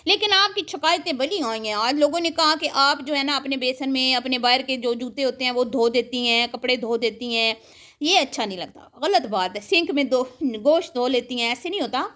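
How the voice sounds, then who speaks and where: A woman's voice: sits high, fairly bright tone. A woman giving sarcastic, scolding reaction commentary and calling the viewer her sister. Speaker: online commentator reacting to other creators.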